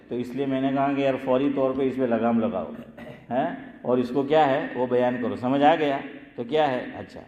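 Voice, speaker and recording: A man's voice: mid-range voice, a little mellow. A male Islamic scholar leads an informal recitation lesson, firing questions at listeners by name and chanting phrases aloud to demonstrate. His mid-range voice carries through a large prayer hall, with a long, roomy reverb trailing each phrase.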